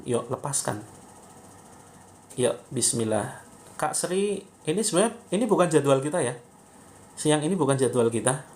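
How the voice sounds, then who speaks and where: A man coaching viewers through a live-streamed faith healing session, guiding them step by step and praying, with sudden loud commands. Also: medium pitch.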